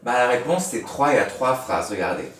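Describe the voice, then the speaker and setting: A man teaching young pupils a recorded grammar lesson in speech, patient and slow, spelling out each step. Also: medium pitch, expressive, fairly bright tone, a little hiss or hum. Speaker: primary school teacher. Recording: echoey room, mic at a distance.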